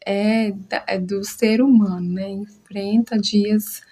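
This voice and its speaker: A woman's voice: mid-range voice, steady tone, slow, dark tone. A woman who makes crochet, chatting casually and heartfelt with her followers on a live stream, sometimes dropping to a whisper. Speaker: crochet artisan.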